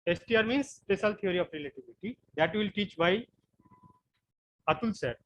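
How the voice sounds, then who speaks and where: A man from West Bengal with an Indian English accent, giving an online physics class and explaining slowly with frequent repetitions. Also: high-pitched, expressive, dull audio, a little hiss or hum. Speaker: physics lecturer.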